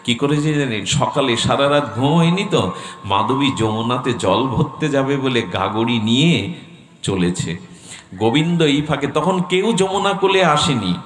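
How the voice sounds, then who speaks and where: A man reading and telling a devotional scripture story as a sermon, asking his listeners rhetorical questions and swinging from soft low lines to high exclamations. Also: expressive, a little slow, a little hiss or hum. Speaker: Bhagavat reader. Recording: echoey hall with long reverb.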